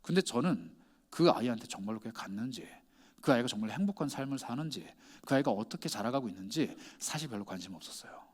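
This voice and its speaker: A man's voice: mid-range voice, lively intonation, quick pace, darkish tone, slightly rough. A male pastor preaching a sermon, putting pointed rhetorical questions to his congregation.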